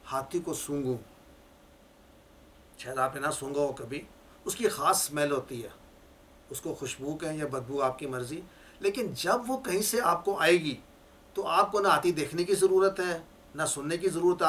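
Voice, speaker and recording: A man lectures to a class, explaining ideas step by step and circling back to repeat the key words. His voice sits a little high for a man. A faint hiss runs under the recording. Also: a bit bright. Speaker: teacher.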